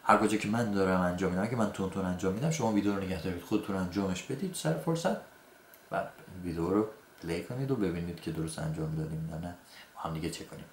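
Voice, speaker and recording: A man whose first language is Persian, teaching an English grammar lesson and saying his example sentences slowly and carefully. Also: low voice, animated. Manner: slow, deliberate example sentences between quick explanations. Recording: echoey room, faint background noise.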